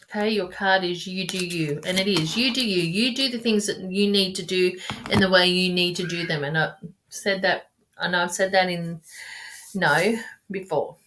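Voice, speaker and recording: A woman with a fairly low-pitched voice speaks at a moderate pace over some background noise. She's doing relaxed tarot readings on a live stream, talking warmly and chattily to viewers while rambling and restarting her sentences, picked up by a webcam or phone mic.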